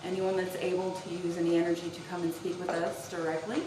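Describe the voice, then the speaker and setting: A woman's voice: on the low side, little pitch movement, quick pace. A woman paranormal investigator chatting casually and putting questions to spirits inside an old house. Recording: roomy, distant mic, noisy ambience.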